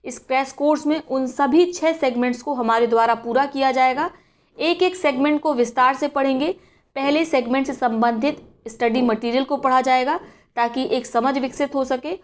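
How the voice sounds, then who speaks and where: A woman's voice: high voice, normal speed. A woman teaching an exam-prep language lesson, going through spelling and pronunciation step by step and checking in with rhetorical questions. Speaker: Hindi teacher.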